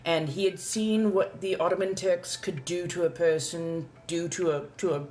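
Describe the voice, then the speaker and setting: A woman's voice: on the low side, steady tone, darkish tone, faint music behind, natural voice. A woman playing an ancient, genteel female vampire with a posh colonial accent, speaking formally and courteously as she chats live in character. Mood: gracious, chatty. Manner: refined, formal, old-fashioned wording, drawn-out deliberate phrasing. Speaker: livestream host answering viewer questions. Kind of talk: in-character live question-and-answer chat.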